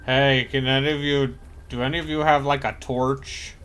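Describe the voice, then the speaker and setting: Bright-voiced joking streamer. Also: male voice, medium pitch, level tone, moderate pace, clear, resonant tone. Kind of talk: casual live-stream chat.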